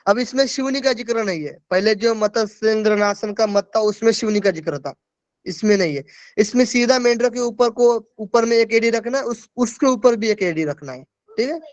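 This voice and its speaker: A man teaches yoga over a video call, working through verse after verse and checking that his students follow. His voice sits high and sounds smooth and clear, close and dry. The call audio is dull and lo-fi. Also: moderate pace, dry recording. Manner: explains verses, checking in with listeners. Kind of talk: online class lecture.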